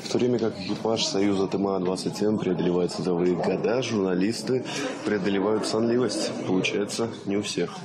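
A man's voice: deep voice, steady tone, a little fast. A man in his twenties reporting informally on location, guiding viewers along as a TV news correspondent. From Yaroslavl, Russia. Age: 20s. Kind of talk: on-location video report to camera. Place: inside a control centre hall and corridors. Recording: noisy room ambience.

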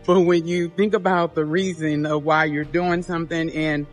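A woman's voice: low voice, level tone, moderate pace, faint music behind. A woman in her thirties, a fitness vlogger, chatting to camera in an upbeat, motivational way from a phone at arm's length. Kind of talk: casual vlog talk to camera. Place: gym and parked car.

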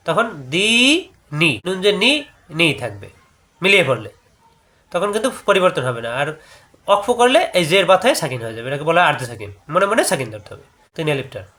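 This is a man with a high voice and a Bangladeshi Bengali accent, teaching the rules of Quran recitation. He explains each rule step by step and breaks off to chant the verses slowly. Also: sharp tone. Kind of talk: tajweed lesson with chanted recitation.

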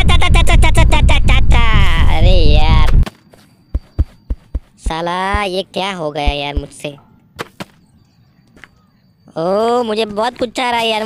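A man voicing a boastful, bossy young man who brags and orders others around, as gaming commentary in character. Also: high-pitched. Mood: impatient. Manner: bragging, impatient, bossing others around. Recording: noisy background.

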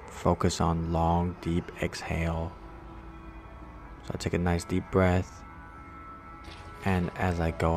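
A young man narrates his own vlog in a casual, conversational way. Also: deep voice. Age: young adult. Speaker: vlogger.

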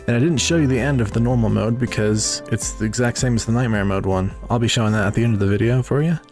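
A man's voice: mid-range voice, fast talker, a little mellow, soft background music. A man hosting a gaming video, talking casually in an informal, joking way. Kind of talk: casual gaming commentary and chat.

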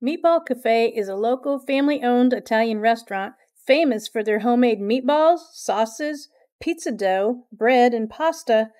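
An upbeat woman reads a scripted promotional voice-over as the show's host. Her voice sits a little high, and background music plays clearly under it. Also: lively intonation, measured pace, hardly any pauses, a little mellow. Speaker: real estate agent host.

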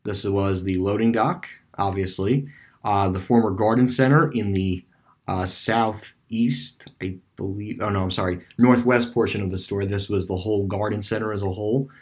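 A man's voice: fairly low pitch, fairly even intonation, normal speed, breathy edge. A man giving rambling, casual voice-over commentary on a screen-recorded map tour, with many fillers and restarts. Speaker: video creator touring a closed store on street view.

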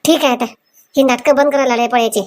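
A woman acting in a comic village sketch, talking briskly and scolding. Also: high voice, fairly even intonation, a little mellow.

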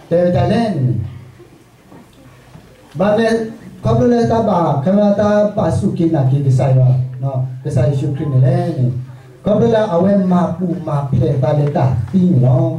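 A man's voice: a little high, mellow, dull audio, a little hiss or hum. A man preaching a sermon as pastor, talking to his congregation in a conversational way. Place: church sanctuary. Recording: echoey church hall, mic far off.

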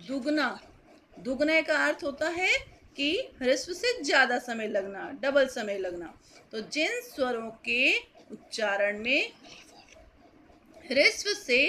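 Slow, bright-voiced woman teaching. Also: sits high, slight background noise. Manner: slow, careful, repeats key points. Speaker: Hindi grammar teacher. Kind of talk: classroom lesson.

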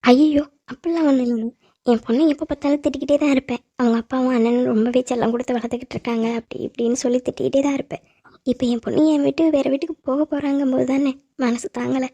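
Woman doing teary bride's mom, cartoon drama, high pitched, fast, dry sound. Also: fairly even intonation, warm tone, dry recording, lo-fi sound. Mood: tearful. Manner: apologetic, emotional. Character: tearful middle-aged mother of the bride.

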